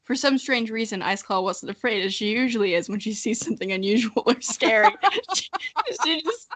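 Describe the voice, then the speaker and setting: Giggly and informal, an early-twenties woman co-hosting a podcast chats casually and gives a dramatic reading of things she wrote as a child, frequently dissolving into laughter. She speaks at a normal speed in a fairly high, fairly bright, animated voice.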